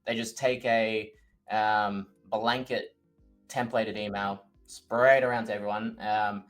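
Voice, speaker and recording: A man's voice: on the low side, level tone, measured pace, fairly bright tone, soft background music. A man hosting a casual podcast, agreeable and hesitant, with sorta and um fillers. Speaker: podcast host.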